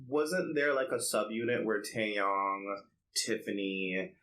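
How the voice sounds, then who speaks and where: In a lowish, slightly bright voice, a man talks slowly while co-hosting a laid-back K-pop podcast. He's conversational and opinionated, filling his speech with "like."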